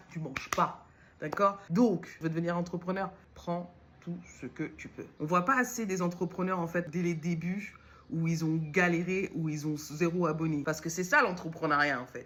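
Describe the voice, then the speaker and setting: A woman's voice: on the low side, fairly bright tone, slight background noise. Rambling, self-mocking woman vlogger. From Lyon, France. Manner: rambling, self-mocking, jumps between topics. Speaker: vlogger and entrepreneur. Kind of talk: casual direct-to-camera talk.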